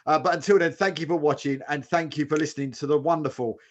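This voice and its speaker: A man's voice: a little high, steady tone, fast, highs cut off. A man hosting a casual chat show, effusive and inclined to repeat himself. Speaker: show host.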